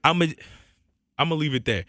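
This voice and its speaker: Fast-talking and expressive, this radio co-host from the Southern US has a fairly high, bright, forceful voice. He argues with passion in the studio, captured on a boom mic with no echo.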